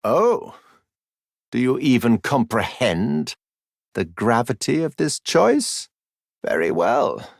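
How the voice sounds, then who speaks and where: A man voicing a condescending, smoothly sinister masked mentor in a dark fantasy game, with mock-sympathetic, theatrical, deliberately drawn-out phrasing. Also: mid-range voice, huge pitch swings, no room sound, studio quality, heavily acted. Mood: haughty, prodding.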